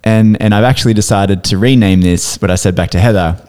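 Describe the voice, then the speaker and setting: A man's voice: lowish voice, steady tone, a little fast, darkish tone, smooth. A man co-hosting a podcast, chatting casually and rambling with frequent chuckles. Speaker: podcast co-host.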